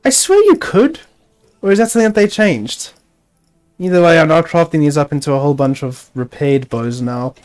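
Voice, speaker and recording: A man's voice: fairly high pitch, fairly even intonation, brisk, a little mellow, smooth. Man chatting through his gameplay. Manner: chatty, self-narrating, wry asides. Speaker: gaming video host. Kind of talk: casual gameplay commentary.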